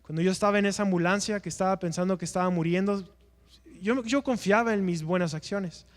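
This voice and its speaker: High-voiced man teaching in echoing church. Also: fairly quick. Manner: earnest, asks rhetorical questions and answers them. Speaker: evangelism teacher. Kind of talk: preaching-style church class.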